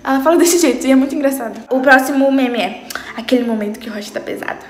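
A teenage girl chatting casually as she reacts to memes, playful and dramatic, jumping into high squeals. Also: quick pace. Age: teens. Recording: roomy echo.

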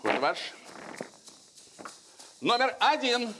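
A man's voice: very high-pitched, big pitch swings, extremely slow. A middle-aged man hosting a lottery game show, calling out drawn numbers formally like a bingo caller. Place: large TV studio with audience. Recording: noisy old TV studio broadcast.

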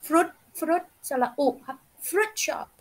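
A woman's voice: very high voice, expressive, extremely slow. A woman teaching an English pronunciation lesson to children, patiently coaching each sound.

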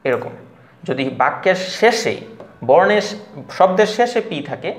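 A man teaching English pronunciation to learners, explaining each rule step by step and drawing out example words slowly. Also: fairly high pitch. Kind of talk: classroom-style explanation. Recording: echoey room.

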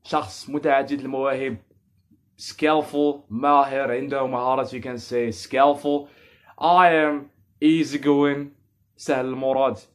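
A young man from Morocco teaches English phrases in a casual video lesson from a small bedroom. He talks in a lively way with many gestures and slows down to say each example clearly. He is recorded on a camera facing him. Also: medium pitch. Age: 20s. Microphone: camera in front, medium framing.

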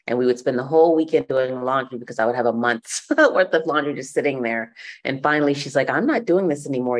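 Woman telling her story. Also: a bass voice. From Bahamas. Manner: relaxed storytelling with frequent fillers. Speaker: guest. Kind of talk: podcast interview.

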